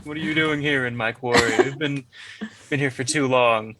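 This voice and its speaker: A man voicing a grizzled old prospector elf, gruff and guarded, in a tabletop role-play. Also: mid-range voice, steady tone, normal speed, heavy background noise, lightly acted. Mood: guarded, reclusive.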